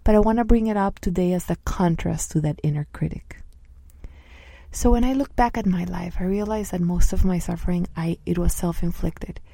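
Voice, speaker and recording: A woman in her thirties, a coach, speaking softly and earnestly about her own experience, at times voicing inner thoughts. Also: on the low side, normal speed, creaky, no room sound. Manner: soft-spoken, earnest, acts out inner voices. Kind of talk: reflective personal talk.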